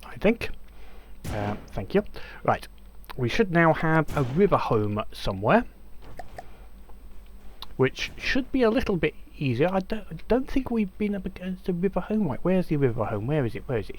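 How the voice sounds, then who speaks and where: A man's voice: medium pitch, slight background noise. A man giving casual let's-play commentary, chatty and hesitant with many ums and restarts. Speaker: gameplay commentator.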